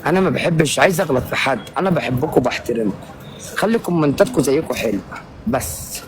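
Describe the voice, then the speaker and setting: A man with an Egyptian Arabic accent, streaming live and calling out loudly and theatrically to his viewers for gifts. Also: medium pitch, expressive, fast. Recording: live-stream audio with loud crowd noise.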